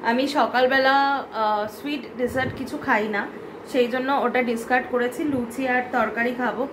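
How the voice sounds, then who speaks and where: A woman's voice: a little high, steady tone, moderate pace, background noise. A woman vlogging casually, chatting and explaining things to her viewers with frequent fillers. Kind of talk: casual vlog narration.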